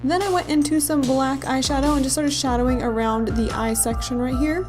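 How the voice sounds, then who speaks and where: Female, highish voice, casual makeup-tutorial narrator who rambles and puts herself down, over clear background music. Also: brisk. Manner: rambling, self-deprecating asides. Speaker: makeup and body paint artist, channel host.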